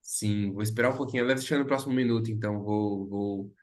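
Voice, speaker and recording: A man hosting a conversation, gentle and affirming toward his guests. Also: on the low side, steady tone, fast. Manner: gentle, affirming, laughs easily. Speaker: podcast host.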